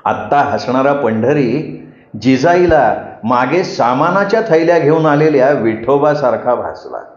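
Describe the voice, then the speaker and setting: A man narrating an audiobook novel in a measured, expressive storytelling manner, in a roomy, dull recording. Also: medium pitch.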